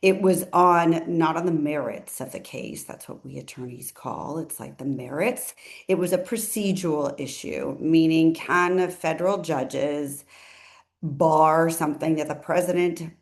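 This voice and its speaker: Woman lawyer, lowish voice, chatty legal commentary with self-corrections and asides. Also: a little slow. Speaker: attorney.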